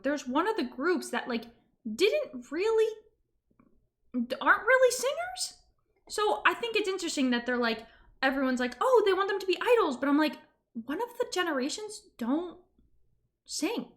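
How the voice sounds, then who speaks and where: Bright, high-voiced woman chatting casually. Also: measured pace. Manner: animated, informal, emphatic retelling with quoted reactions. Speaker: streamer reacting to news. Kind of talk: casual reaction chat.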